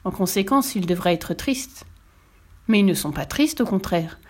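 A woman's voice: mid-range voice, expressive, moderate pace, slightly rough. Woman reading a preachy court chaplain. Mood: lecturing. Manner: lecturing, preachy. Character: pompous, alarmed male court chaplain. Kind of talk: storybook reading.

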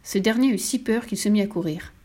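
A woman narrating a children's storybook with a lively, expressive reading. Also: mid-range voice, a little fast.

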